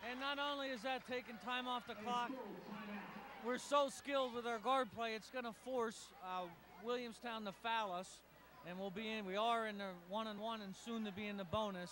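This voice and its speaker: A man, a coach, giving relaxed, analytical color commentary at a high school basketball game in a gym, rambling a little. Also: moderate pace. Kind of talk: live sports color commentary. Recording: hissy live broadcast.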